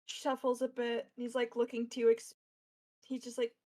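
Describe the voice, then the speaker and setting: A woman's voice: a little high, monotone, normal speed, mellow, low-quality recording. A woman narrating as game master of a tabletop game on a live stream, rambling with many fillers and casual asides.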